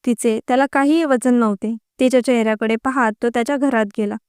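A woman narrating a story in an even, unhurried reading voice. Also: on the high side, clear, resonant tone, no echo, clean studio sound.

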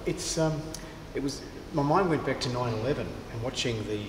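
A man, a cathedral's director of music, answering interview questions thoughtfully with many pauses and restarts. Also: mid-range voice. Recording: echoey cathedral with long reverb and clear background noise.

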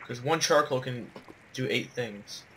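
A man trading jokes and teasing remarks with friends during a game. His voice has a bright, forward edge, and he talks in a casual, easy way. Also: medium pitch, unhurried, slight background noise, poor audio. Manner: joking and teasing. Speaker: gamer. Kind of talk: casual gaming chat.

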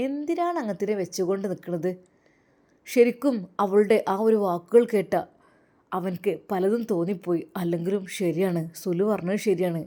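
A woman's voice: medium pitch, dark tone, close to an everyday voice. A woman voicing a troubled husband who speaks hesitantly and grumbles with resentment. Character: troubled suspicious husband, man.

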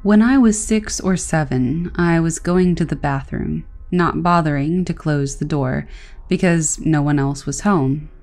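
Low-voiced woman reading stories aloud. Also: unhurried, a little mellow, faint music behind. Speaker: narrator.

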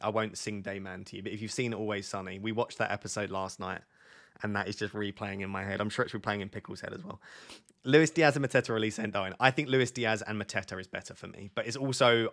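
Sitting at a desk in his home studio, a hoarse fantasy football streamer with a voice on the low side answers viewers in a live stream chat. A sore throat has him losing his voice, so he speaks quieter and slower while reading questions from chat and thinking aloud.

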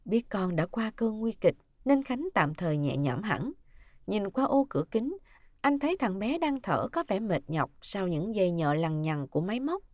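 Woman, storyteller, scripted narration, dramatic, expressive, lively melody, dry sound. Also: mid-range voice, moderate pace, no room sound.

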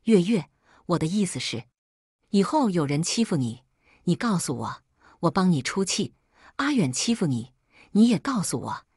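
Brief: female narrator doing a gentle older mother, breathy and low-pitched, story reading. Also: sing-song, normal speed, long pauses, no room sound, studio quality. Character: older wealthy mother, kind and protective.

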